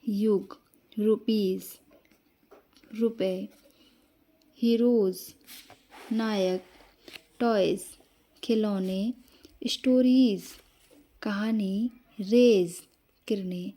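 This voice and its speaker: A woman teaching English pronunciation in a slow, explanatory lesson, spelling out letters one by one and answering her own questions. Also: mid-range voice, fairly even intonation, warm tone. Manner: asks the class questions, then answers them.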